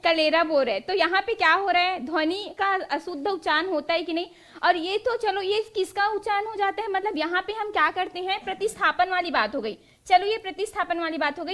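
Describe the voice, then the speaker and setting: Leading an exam-prep class, a young woman teacher fires off quiz-style questions to her students before supplying the answers herself. Her voice is extremely high and a bit bright.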